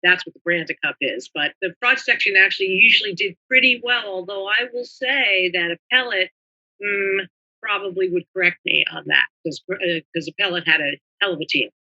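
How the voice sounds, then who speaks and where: Older woman guest, crisp bright tone, wanders as she tells stories, a bit muffled. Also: mid-range voice, brisk. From New Jersey. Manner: chatty, meandering storyteller. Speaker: guest, retired government lawyer. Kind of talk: conversational interview, reminiscing.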